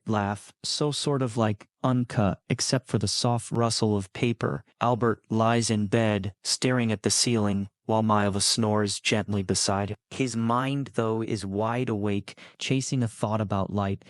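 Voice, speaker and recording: Calm low-voiced male sleep-story narrator. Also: no room sound.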